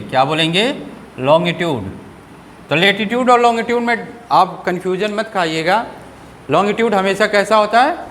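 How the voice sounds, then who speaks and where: A man teaching a school class, asking questions and answering them himself in a lower voice, and reading English lines out slowly. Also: fairly bright tone, in a large hall, a little hiss or hum. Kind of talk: classroom lecture.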